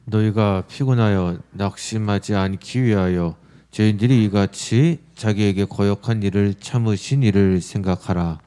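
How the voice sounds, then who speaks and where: Male scripture reader in church, low and mellow, smooth resonant tone. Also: moderate pace. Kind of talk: scripture reading. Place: church sanctuary.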